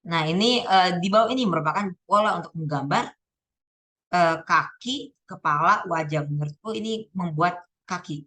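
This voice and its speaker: A woman's voice: on the low side, normal speed, fairly bright tone, rough recording. A teenage girl casually going over exam answers, thinking aloud and often correcting herself. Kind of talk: casual spoken exam walkthrough.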